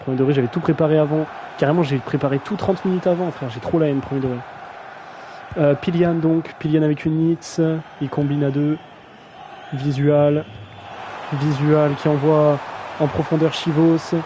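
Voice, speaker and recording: A man's voice: fairly high pitch, steady tone, normal speed, background noise. A young man casually commentating a video game match on a live stream, slangy and self-mocking, often stumbling over player names.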